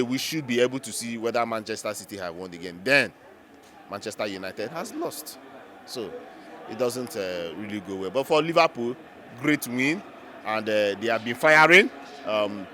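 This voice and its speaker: A man's voice: mid-range voice, pushed and bright. A man with a Nigerian accent giving unscripted football reaction as a fan, emphatic and repeating phrases for effect.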